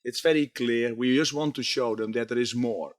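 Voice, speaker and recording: Male tech executive, middle pitch, strained voice, earnest, lots of uh fillers. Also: moderate pace. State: strained voice from talking all day. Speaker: company technology chief. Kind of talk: conversational interview. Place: trade show floor.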